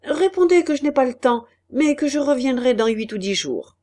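A woman reading the lines of a brisk, self-important male banker in an audiobook, in a hurried, emphatic way. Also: medium pitch, lively intonation, a little mellow, close to an everyday voice. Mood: curt.

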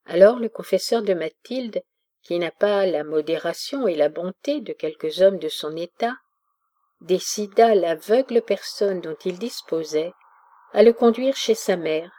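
A woman reading a classic novel aloud in a slow, solemn way. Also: lowish voice, expressive, dark tone. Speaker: audiobook reader. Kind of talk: literary audiobook narration.

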